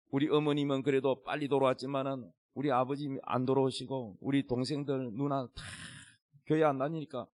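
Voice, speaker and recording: A man's voice: medium pitch, no room sound, clean studio sound. A middle-aged male pastor preaching a sermon, emphatic and repeating his key phrases with big rises and falls.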